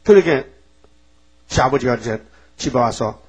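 A man preaching a storytelling sermon, reading scripture slowly and prodding his listeners with rhetorical questions. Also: mid-range voice, lively intonation, slightly rough. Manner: reads scripture slowly and solemnly. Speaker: pastor. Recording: muffled lo-fi recording.

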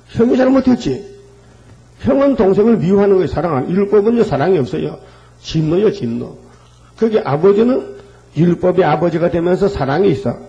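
A male pastor preaching a fervent sermon, asking rhetorical questions and filling pauses with hesitations. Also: fairly high pitch, mellow, dull audio.

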